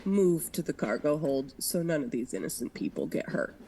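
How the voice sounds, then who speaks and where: A woman voicing a gruff, commanding 1930s beat cop in a tabletop game. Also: deep voice, animated, moderate pace, dark tone, a little hiss or hum, low-quality recording. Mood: stern, commanding. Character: old-time cop putting on a commanding voice.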